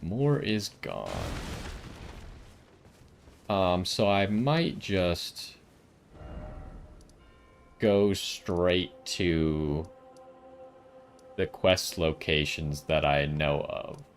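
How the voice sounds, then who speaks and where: A man's voice: sits low, extremely slow, long pauses, a little hiss or hum. A man giving casual gameplay commentary, thinking aloud and asking himself questions as he goes. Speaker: gaming video host.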